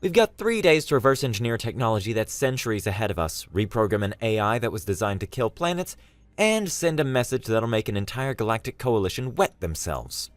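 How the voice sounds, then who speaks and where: A man voicing a tough, reckless woman military commander who gives brisk orders in an audiobook story. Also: lowish voice, very animated, no room sound, voice pushed up. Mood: commanding.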